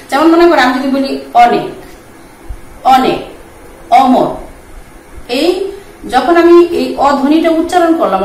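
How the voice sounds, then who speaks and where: A woman, teaching pronunciation, patiently repeating words slowly for her students. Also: on the high side, distant mic, slight background noise. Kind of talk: explaining Bengali pronunciation lesson. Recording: echoey room, voice from off-mic.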